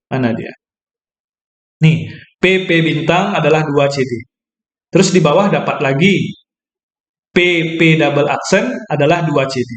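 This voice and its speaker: Male math lecturer, slightly high voice, self-correcting, talks through a proof in a roomy space. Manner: thinks aloud, self-corrects, asks "ya kan?". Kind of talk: explaining a geometry proof.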